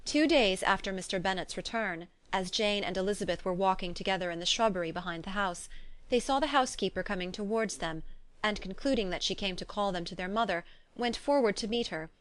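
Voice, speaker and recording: A woman with a medium-pitched voice narrates an audiobook from a script, reading in a measured, even way.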